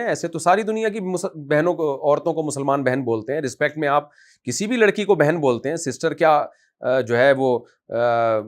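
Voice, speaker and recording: A man, an Islamic scholar, answering a question in a conversational religious talk, scolding and forceful in manner. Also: a little high.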